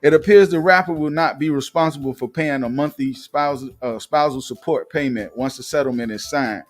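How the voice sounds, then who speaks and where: A man's voice: mid-range voice, fairly quick, soft background music. A man hosting a live show, chatting casually and reading news aloud with many fillers and restarts. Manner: loose, filler-heavy, restarts often. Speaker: show host. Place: Atlanta.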